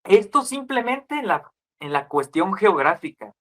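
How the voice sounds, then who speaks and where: A man's voice: high-pitched, very animated, measured pace, fairly bright tone. A man in his twenties with a Guadalajara Mexican accent, a podcast guest explaining at length in casual chat, listing examples and tagging questions onto his sentences. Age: 20s. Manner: lecturing, lists examples, frequent tag questions.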